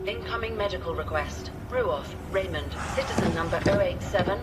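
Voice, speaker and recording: An actor voicing a calm medical care AI that gives even, clinical status reports. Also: medium pitch, a little fast, heavy background noise, lightly acted. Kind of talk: film trailer dialogue.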